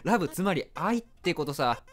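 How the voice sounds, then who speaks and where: A man's voice: fairly high pitch, very animated, moderate pace. A man voicing a two-faced Kansai flower. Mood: sugary. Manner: chirpy sing-song friendliness turning snide. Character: two-faced talking flower, sweet then vicious.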